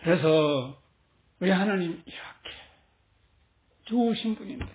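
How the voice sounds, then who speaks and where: A woman delivers a sermon with lively energy, often laughing as she preaches. Her voice comes through narrow and tinny, like a phone line. It rings in a roomy, echoing space. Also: on the low side, unhurried. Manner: animated, acts out quoted voices, laughs often. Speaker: pastor. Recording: tinny phone-like sound in an echoey room.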